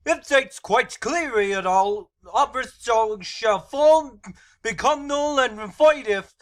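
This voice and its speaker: Man doing a very high-pitched ranting eccentric boss. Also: animated, takes it slowly, heavily acted. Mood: indignant, officious. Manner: ranting, legalistic, shouting outbursts. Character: furious eccentric male candy-factory owner, pedantic and explosive. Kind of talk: silly amateur fandub of a film scene.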